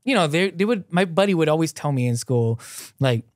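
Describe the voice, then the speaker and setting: Animated man from Hawaii telling his story. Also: fairly high pitch, brisk, no echo, clean studio sound. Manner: loose and animated, lots of "like" fillers, gestures while talking. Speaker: guest. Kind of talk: casual conversational storytelling. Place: small dim studio set with a couch. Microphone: boom-mounted podcast mic close up.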